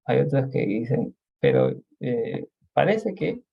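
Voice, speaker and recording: Gravelly husky man teaching a Bible class. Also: mid-range voice, huge pitch swings, slow pace, muffled recording. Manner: explanatory, often checks in with "¿no?" and "¿ok?".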